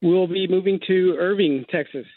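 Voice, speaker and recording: Man calling a radio show, slightly high voice, tinny phone line, plain-spoken with fillers. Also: normal speed, no room sound. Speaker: caller. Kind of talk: call-in conversation.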